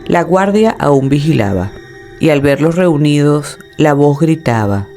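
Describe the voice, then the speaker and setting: A man reading a scripted horror story in a dramatic, measured storytelling manner. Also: a little high, lively intonation, darkish tone, soft background music.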